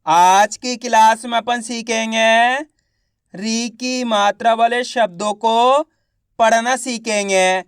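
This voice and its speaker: A man's voice: extremely high pitch, steady tone, clean tone, dry recording, studio quality. Man teaching reading, sounding out syllables. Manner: asks a question and answers it himself, repeating each sound; slow, drawn-out syllables when sounding out letters. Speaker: online Hindi reading teacher. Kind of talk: video reading lesson.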